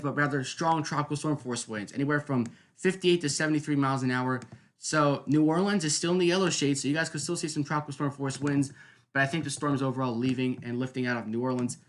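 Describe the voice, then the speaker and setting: A man's voice: a little high, fairly bright tone. A man hosting a live weather stream, explaining in an unscripted, conversational way and often checking in with listeners. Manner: conversational, explanatory, repeatedly seeking agreement.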